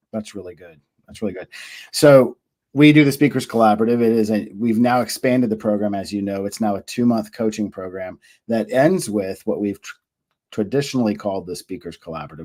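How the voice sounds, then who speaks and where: A man hosting an interview and explaining his speaking program in a measured way. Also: on the low side, a little mellow.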